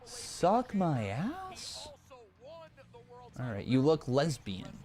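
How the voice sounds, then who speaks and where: A man's voice: a little high, drawn-out words. A man from Canada in his thirties, a pro wrestling streamer chatting casually to his live chat, joking at himself and swearing now and then. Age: 30s. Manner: animated, talks straight to chat, swears, jokes at himself. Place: room in his rented home.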